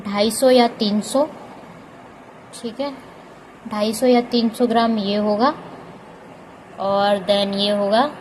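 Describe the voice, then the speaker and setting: A woman's voice: on the high side, darkish tone, slight background noise, rough recording. A woman who runs a small beauty salon, chatting casually in her vlog and mixing English words into her talk. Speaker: salon owner and vlogger.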